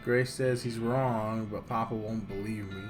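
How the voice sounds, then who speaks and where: A man's voice: on the low side, fairly even intonation, unhurried, lightly acted. A man reading the diary of a naive, fearful young frontier girl from a game, in plain childlike phrasing. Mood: naive, uneasy. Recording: music playing behind the voice.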